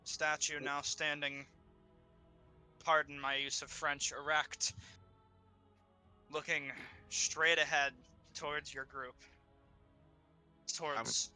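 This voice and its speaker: Bright-voiced male game master. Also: fairly high pitch, flat delivery, faint music behind. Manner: descriptive, halting narration with many fillers. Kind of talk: narrating a tabletop game.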